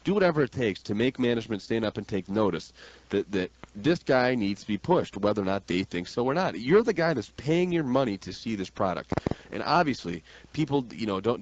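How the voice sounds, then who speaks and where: Very animated and fairly quick, this New York State radio host with an American accent and a mid-range voice fires off opinionated wrestling banter. His style is brash, slangy, and emphatic. The studio recording is dull and lo-fi, carrying a slight hiss or hum.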